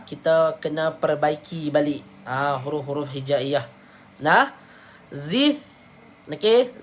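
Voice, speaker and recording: Slow, patient Malaysian woman teaching recitation. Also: sits low, a bit bright. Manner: patient, drills syllables slowly for repetition. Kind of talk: live online Quran pronunciation lesson.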